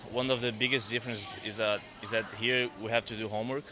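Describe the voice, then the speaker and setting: A man's voice: on the low side, steady tone, quick pace, a crowd in the background. A man, a student athlete giving hesitant interview answers and repeating his words. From Brazil.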